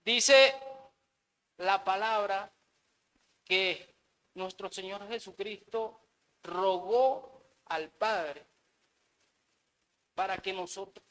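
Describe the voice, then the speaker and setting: A man's voice: sits high, a bit bright, rough recording. A married man preaching a sermon in an earnest way, often repeating words and saying amen. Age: adult, married.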